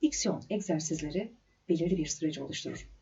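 A woman diction instructor giving a scripted lecture, with clear, measured delivery, deliberate stresses and pauses. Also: low voice, expressive, background noise. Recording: slightly dull lo-fi recording.

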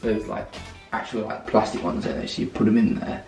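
A man making brief low-key remarks from off camera during casual chat. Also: fairly even intonation, a little fast, darkish tone, faint music behind. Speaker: vlogger's partner. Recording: distant and echoey, off-mic.

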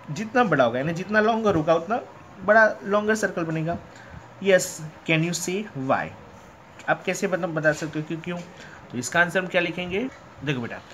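Male primary math teacher, slightly high voice, patient call-and-answer drilling, faint noise floor. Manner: repeats questions and answers them himself, addresses pupils as beta; reads textbook lines out slowly in English. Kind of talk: classroom lesson explanation.

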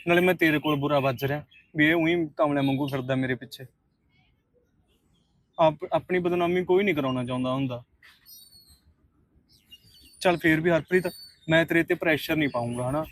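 A man's voice: a little high, a little hiss or hum, close to an everyday voice. A man playing an earnest young suitor. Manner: pleading, earnest. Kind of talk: short film drama acting.

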